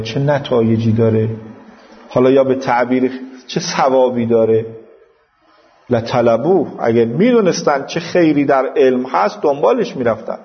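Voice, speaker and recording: Lo-fi sound carries this man's mid-range voice as he lectures on religion with an Iranian Persian accent. Acting as a teacher, he recites Arabic quotations, then paraphrases them to explain scripture.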